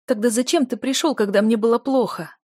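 A woman's voice: medium pitch, brisk, a little mellow, no room sound, studio quality, lightly acted. A woman voicing a desperate young female student in love, pleading emotionally with a raised voice.

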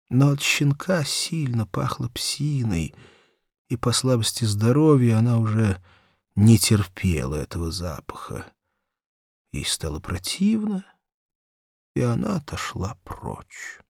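A man narrates a children's story audiobook theatrically and expressively, using dramatic pauses and emphasis. His fairly low-pitched voice is recorded at studio quality with no echo.

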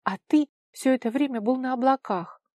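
A woman's voice: sits high, moderate pace, warm tone, dry recording, clean studio sound, pitched above the performer's own voice. A woman reader voicing an anxious, commanding young celestial woman, urgent and imperious in speech.

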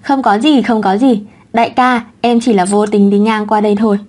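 A woman's voice: mid-range voice, fairly even intonation, moderate pace, darkish tone, natural voice. A woman reading the part of a nervous young man who stammers and fawns.

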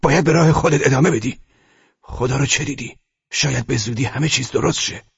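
A narrator putting on the voice of a kindly male truck driver who gently coaxes, raised well above his own deep voice, on a dull lo-fi recording. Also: vocal fry, breathy edge. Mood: coaxing. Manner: gentle, coaxing.

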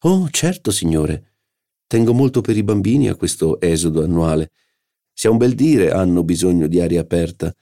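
A man's voice: low-pitched, animated, moderate pace, dark tone. A man voicing a prim, chattering middle-aged doctor's wife in an audiobook.

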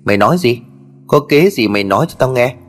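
A man's voice: medium pitch, animated, quick pace, lightly acted. A man voicing a bad-tempered, half-deaf middle-aged village chief who curses and scolds in a storybook tale. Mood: irritable. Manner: gruff, scolding, cursing.

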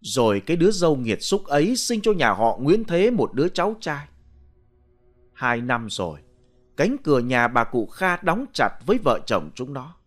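A man narrating a ghost story in a dramatic, measured, atmospheric way. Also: mid-range voice, sing-song, faint music behind.

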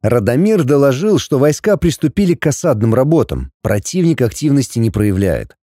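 A man narrates an audiobook in an expressive, wry manner, his pitch moving freely over a wide range. His voice is warm and mellow, and the recording is dry and close to the mic. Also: moderate pace, dry recording. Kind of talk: audiobook reading.

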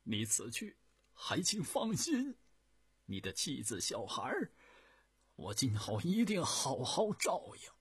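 A man voicing an embattled male commander of old, proud and tearful, declaiming with raised fervor in a husky voice. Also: deep voice, sing-song, measured pace, long pauses, fairly bright tone, no echo, full character voice. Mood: tearful, earnest.

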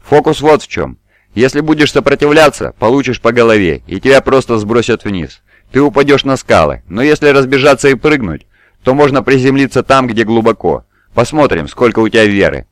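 A man voicing a god who appears as a small boy, calm, knowing and teasing. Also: medium pitch, a little fast, no room sound, close to an everyday voice.

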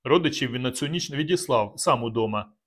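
A man voicing a grim, measured male nobleman planning an ambush, in an audiobook reading. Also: mid-range voice, expressive, natural voice. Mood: plotting.

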